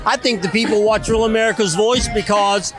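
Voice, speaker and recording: Male outdoor guest, high voice, slow deliberate delivery, loud music behind. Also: steady tone. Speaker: guest, longtime viewer. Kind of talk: outdoor interview. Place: outdoors outside a stadium.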